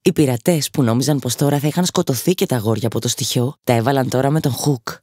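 A woman narrating a children's storybook with an expressive storytelling lilt, in a studio. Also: a bass voice, no echo. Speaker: audiobook narrator.

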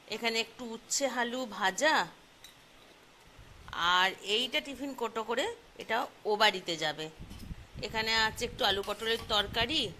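A woman's voice: a little high, bright, forceful tone, slight background noise. A middle-aged woman hosting a casual home vlog from her kitchen, chatty and keeps asking viewers questions as if they were friends. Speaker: vlogger host. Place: home kitchen and dining room.

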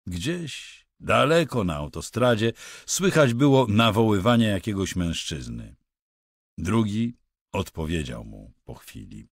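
A man reading an audiobook in a calm, measured style, close to a studio mic. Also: low voice, dry recording. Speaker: audiobook narrator. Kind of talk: scripted narration.

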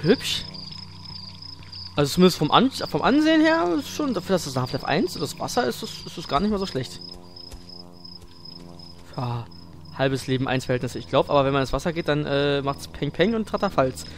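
A man's voice: fairly high pitch, very animated, fairly quick, pauses often, soft background music. A man giving casual, crude and slangy commentary as a scared, jumpy horror game streamer. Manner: crude, slangy, self-deprecating joking. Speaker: let's play streamer.

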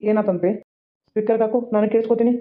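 A blunt, impatient young brother in a village cartoon, played by a woman, his voice set lower than hers. He speaks, and the recording is dull and lo-fi. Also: steady tone, fast talker, close to an everyday voice.

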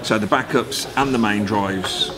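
A British man in his forties with a lowish voice chats casually to camera for his vlog at a measured pace. He's emphatic, wry and explanatory, and the recording is very noisy.

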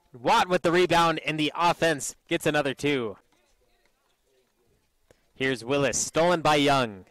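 A man commentates youth basketball with quick, excited calls. His voice is bright and a little high, recorded close and dry with no room around it. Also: no echo, low-quality recording. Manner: energetic, excited calls on made shots. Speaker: play-by-play commentator.

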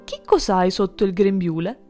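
A woman voicing a sly, cunning male wolf in a storybook, speaking slowly and coaxingly. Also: medium pitch, expressive, mellow, faint music behind, close to an everyday voice. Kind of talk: storybook reading.

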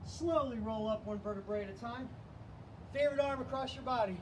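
Talking fairly quickly, a high-pitched male fitness coach leads a live online workout session, calling out counts and cues with lots of energy. His mic sits back from him, picking up a faint hiss of background noise.

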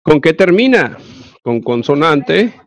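A man's voice: a little high, very animated, slow pace, dry recording. A male English teacher with a Mexican Spanish accent, giving an online class and explaining grammar step by step with frequent check-ins.

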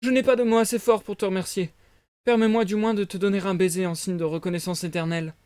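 A man voicing a naive young wooden puppet boy in a high, pleading voice. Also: steady tone, fast talker, darkish tone, smooth, dry recording, studio quality, close to an everyday voice. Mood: aigu, ému. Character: jeune pantin de bois, garçon naïf et ému.

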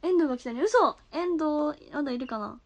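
A woman's voice: high voice, lively intonation, moderate pace. A young woman streaming live from home, chatting casually and giggling as she reacts to viewer comments on her phone.

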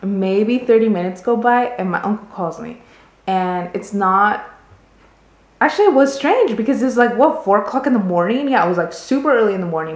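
A woman's voice: mid-range voice, vocal fry, roomy sound. A young adult woman vlogging, telling a story in casual, rambling chat full of "like" fillers. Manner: chatty, rambling, many "like" fillers.

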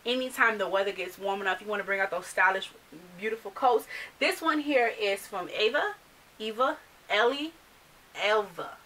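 A woman in her thirties from the United States, a fashion vlogger whose first language isn't English, chats animatedly to camera in a small bedroom filled with clothes and accessories. She gestures as she talks at a moderate pace in a mid-range voice. The rough recording is made from a distance and has slight background noise.

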